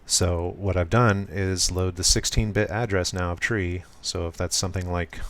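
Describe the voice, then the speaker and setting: A programmer streaming a live coding session walks through his code casually in a soft, low, steady voice. He keeps things deliberately smooth and low-key, with frequent ums and self-corrections.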